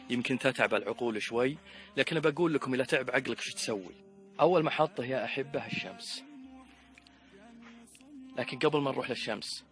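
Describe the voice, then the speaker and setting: A man with a Saudi Gulf Arabic accent giving a religious reflection talk, emphatic, with loud exclamations and hushed asides. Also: mid-range voice. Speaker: preacher.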